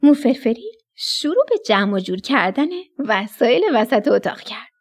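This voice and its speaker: A woman on the radio reads a bedtime story to children, her voice on the high side, addressing them with affection and animation.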